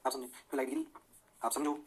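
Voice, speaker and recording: A man teaching physics in a classroom lecture, constantly checking whether his students follow and slowing down to dictate definitions in English. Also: medium pitch, little pitch movement, noisy background. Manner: rhyming rapid-fire praise words.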